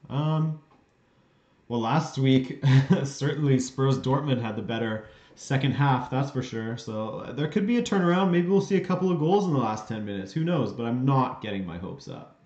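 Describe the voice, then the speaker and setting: A man from western Canada hosts a live watchalong, reacting to the play and answering chat questions in a relaxed, offhand way. His voice sits at an ordinary middle pitch. The sound is roomy and somewhat dull, like a lo-fi streaming setup. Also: normal speed. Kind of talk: casual live watchalong commentary.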